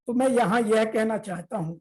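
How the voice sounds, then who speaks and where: A woman giving a scripture commentary, deliberately reading translations as measured lists. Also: a little high, dark tone, poor audio. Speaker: Gita discourse teacher.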